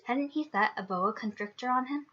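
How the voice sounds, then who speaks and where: Woman podcast host: bright, forceful read-aloud voice, lively laughing banter, lo-fi sound. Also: fairly high pitch, a little fast, slight background noise. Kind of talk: storybook read-aloud and casual chat. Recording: dull lo-fi recording.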